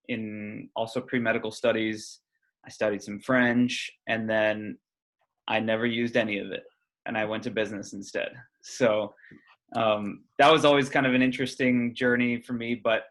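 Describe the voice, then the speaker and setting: A man's voice: fairly low pitch, a bit bright, poor audio. A man in his thirties, a candidate speaking casually in an interview over a video call, with many ums and restarts. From Puerto Rico, raised in Omaha. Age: 30s. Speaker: legislative candidate.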